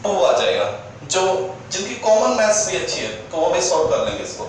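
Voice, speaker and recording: A male physics teacher with a fairly high voice talks through a board problem, coaxing his pupils and checking they follow. His voice rings around a very echoey room and comes from some way off the mic, with faint background hiss. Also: big pitch swings, a little fast, recorded from a distance. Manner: coaxing, keeps asking if students follow, calls them dear children. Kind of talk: classroom lecture.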